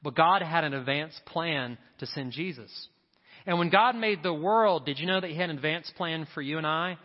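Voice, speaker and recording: In a church sanctuary, a pastor preaches a sermon to his congregation at normal speed in a voice on the high side, emphatically repeating key lines for effect. The reverberant hall gives a dull sound, with the congregation audible in the background.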